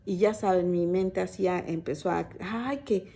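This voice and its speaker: Speaking to her church women's group as sisters, this Bible teacher tells stories in a loose, informal sermon riddled with fillers and false starts. Her voice is lowish, creaky and warm, holding a steady tone at a moderate pace.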